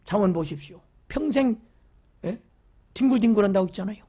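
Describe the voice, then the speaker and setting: With lively intonation and a slightly fast pace, a medium-pitched pastor preaches a fervent sermon. He repeats phrases, poses questions to the congregation, and drops from loud exclamations into whispers.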